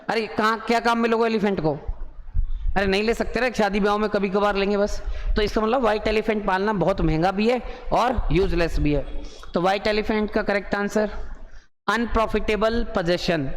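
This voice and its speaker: An Indian man teaching an idiom lesson, his voice high and lively. He reads each English phrase slowly, then rushes through the explanation, asking questions and answering them himself. The room has a long echo and faint noise behind him. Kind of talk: exam-prep lesson on idioms.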